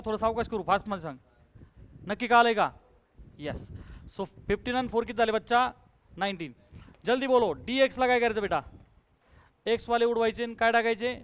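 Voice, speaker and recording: A male maths teacher, giving a classroom lecture and briskly quizzing his students, calling them by pet names and coaxing quick answers. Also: extremely high pitch, a little hiss or hum.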